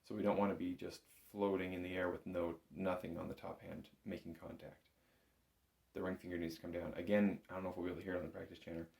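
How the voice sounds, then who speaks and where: Low, flat, and creaky with a slightly mellow edge, this man's voice moves fast as he gives a step-by-step bagpipe lesson. He's informal, patient, and encouraging, and the room sound is roomy and echoing.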